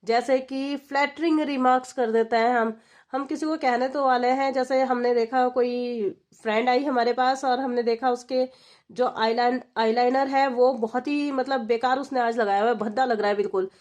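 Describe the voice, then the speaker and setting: Woman teaching a commerce class, kinda high voice, keeps asking then answering herself. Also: fairly even intonation, normal speed, a little mellow. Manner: explains step by step, asks and answers her own questions, addresses students as kids. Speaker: exam-prep teacher. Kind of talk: recorded lecture for exam preparation.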